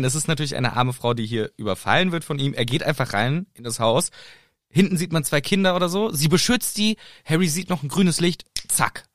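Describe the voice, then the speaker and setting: A man's voice: on the high side, fairly bright tone. A man co-hosting a casual book podcast, playfully retelling scenes with frequent giggles. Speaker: podcast co-host.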